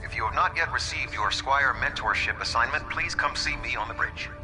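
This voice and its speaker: An actor playing a male military officer making formal, clipped announcements to soldiers over a public address loudspeaker. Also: mid-range voice, a little fast. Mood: commanding. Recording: distant loudspeaker with music behind.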